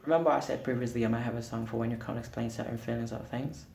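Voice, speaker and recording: Candid, rambling singer-songwriter man, a native Portuguese speaker, gravelly low tone, echoey room with music under. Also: steady tone, racing, a little mellow. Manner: candid, self-deprecating, rambling with fillers. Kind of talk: casual chat to camera. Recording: roomy echo with music behind.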